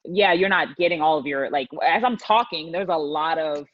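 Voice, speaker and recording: Low-voiced woman explaining in casual chat. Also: normal speed, no echo, muffled recording. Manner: explains at length, says "like" and "right?" often. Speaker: podcast co-host.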